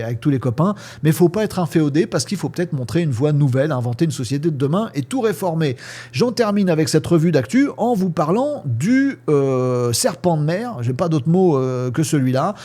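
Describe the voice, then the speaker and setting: A man's voice: a little high, dark tone. A man from France hosting a casual tech news review, chatty and hesitant with frequent fillers, speaking to viewers as friends.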